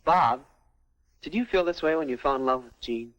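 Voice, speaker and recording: A young actor playing a naive, earnest American teenage younger brother in a stagy 1950s educational film. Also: male voice, mid-range voice, normal speed, a bit bright, faint music behind, natural voice. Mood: hesitant, hurt. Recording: dull old film soundtrack.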